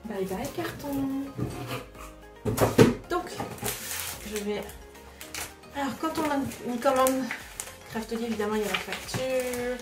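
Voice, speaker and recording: Her voice on the high side, a craft vlogger hosts a casual unboxing video at normal speed, leaving long pauses. She's chatty and hesitant, with many filler sounds. The distant recording has a roomy echo and music playing behind.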